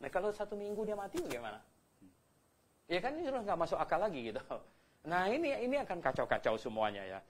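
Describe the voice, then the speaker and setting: A man's voice: high voice, fast talker. An older man, a pastor, teaching the Bible in a conversational way, with rhetorical questions and stories. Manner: animated, rhetorical questions, anecdotes.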